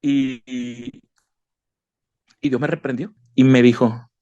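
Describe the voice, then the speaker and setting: A man's voice: medium pitch, flat delivery, slow, dark tone, no room sound, muffled recording. A man giving an emotional personal faith testimony, earnest and repetitive, calling the listener brother. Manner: earnest, repeats himself, addresses the listener as brother.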